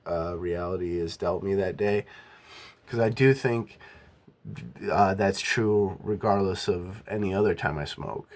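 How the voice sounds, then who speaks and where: Deep-voiced young man musing aloud. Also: a little mellow. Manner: halting, self-correcting, musing aloud. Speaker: vlogger. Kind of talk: casual reflective monologue.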